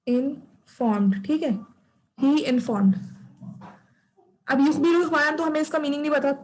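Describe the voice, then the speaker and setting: A woman teaches Arabic grammar to an online class in a high, clear voice. She goes over each term slowly and checks that her students follow. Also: fairly even intonation, low-quality recording. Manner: patient, repeats terms and checks understanding.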